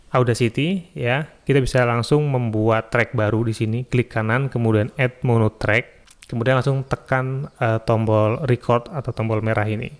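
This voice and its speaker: Man calmly explaining software step by step. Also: medium pitch. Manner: relaxed step-by-step explaining with frequent "ya" and "eh". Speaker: YouTube tutorial host. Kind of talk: screen-recorded software tutorial. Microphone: studio mic through an audio interface.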